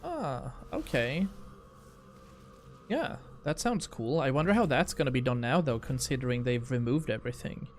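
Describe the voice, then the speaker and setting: A man's voice: mid-range voice, animated, moderate pace, a little hiss or hum. A man livestreaming a video game, chatting casually and slangily with his viewers as he plays. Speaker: livestream gamer host. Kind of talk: casual game stream chat. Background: game music.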